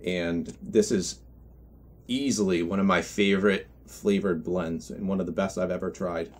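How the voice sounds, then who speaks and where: A man giving an unscripted product review in a halting, reflective way, often correcting himself as he goes. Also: deep voice, fairly even intonation, slight background noise. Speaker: pipe tobacco reviewer.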